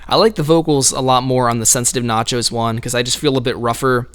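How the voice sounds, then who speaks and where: A man's voice: mid-range voice, steady tone, fast talker, a bit bright, smooth. A man talking through his own album in casual solo commentary, laid-back and rambling, with frequent light laughs.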